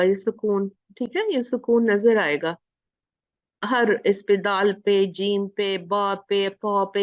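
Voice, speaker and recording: A woman's voice: mid-range voice, no room sound. A woman teaching Quran recitation step by step, drilling each sound and asking questions she then answers herself. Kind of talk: slow step-by-step recitation lesson. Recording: dull lo-fi sound, dry close mic.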